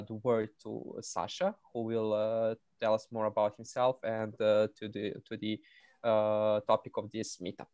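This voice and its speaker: A man, a native Serbian speaker, hosting an online meetup and introducing a speaker, halting with many fillers. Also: lowish voice, darkish tone, clean tone, no echo. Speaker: meetup host. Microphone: video call.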